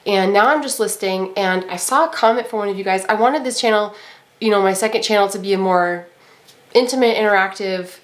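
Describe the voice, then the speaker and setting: A woman's voice: mid-range voice, a little fast. Woman, stuffy nasal cold voice, casual vlog chat, rambling, lots of fillers. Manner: rambling, chatty, many fillers. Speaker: vlogger and eBay reseller.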